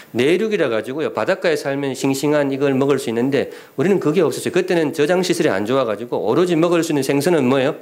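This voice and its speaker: Lively middle-aged pastor preaching. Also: male voice, mid-range voice. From Gyeongsan, North Gyeongsang, Korea. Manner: lively preaching with questions and humor to the congregation. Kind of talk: sermon. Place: church sanctuary.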